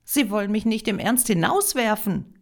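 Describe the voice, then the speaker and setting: A woman's voice: medium pitch, expressive, moderate pace, voice pushed up, close to an everyday voice. A woman reading a German story voices a proud, indignant young woman applying as a model, speaking emphatically with a raised voice.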